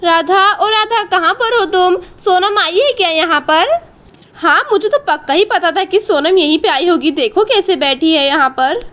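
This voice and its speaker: A woman voicing a strict, quick-tempered village mother who talks in a defensive, scolding way. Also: very high-pitched, expressive, a bit bright.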